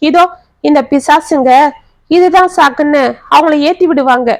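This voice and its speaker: A woman's voice: moderate pace, no room sound. A woman voicing an overwhelmed young working wife who speaks in an anguished, pleading way. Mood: anxious. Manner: anguished, pleading, shrill when upset.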